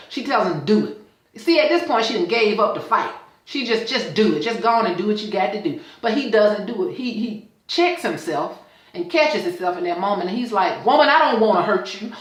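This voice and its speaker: A woman's voice: medium pitch, a bit bright, roomy sound, low-quality recording. A woman hosting a show, casually retelling an episode scene by scene and acting out its dialogue. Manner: retells scenes with quoted dialogue, checks in with "okay?". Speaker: show host reviewing a TV episode. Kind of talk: casual recap.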